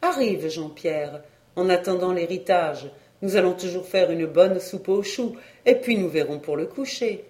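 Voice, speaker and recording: A reader voicing a kind, bustling older woman who talks briskly and reassuringly. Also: medium pitch, darkish tone, close to an everyday voice. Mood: gentle.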